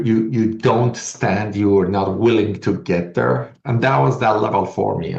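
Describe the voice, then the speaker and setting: A middle-aged man from Iran, a guest entrepreneur telling his story in an interview in earnest, fast bursts with restarts. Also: on the low side, gravelly. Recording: echoey, dull lo-fi sound.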